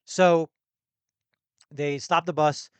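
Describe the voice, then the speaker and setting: Young american man, casual travel storytelling, slightly high voice, dry close sound. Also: fairly even intonation, drawn-out words, clean tone, dry recording. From United States. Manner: rambling, self-correcting, laughs between thoughts. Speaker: podcast host.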